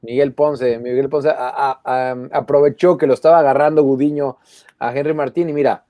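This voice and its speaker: A man's voice: mid-range voice, fairly even intonation, moderate pace, warm tone, no room sound, studio quality. A man, a football correspondent in casual sports talk, chatty and hesitant with repeated words. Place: abroad, in the Netherlands.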